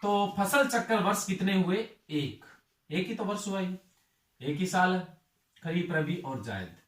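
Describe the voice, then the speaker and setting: A man's voice: sits high, lively intonation, unhurried, a bit bright, roomy sound, recorded from a distance. A male agriculture tutor giving a lecture. He asks his students questions and then answers them himself.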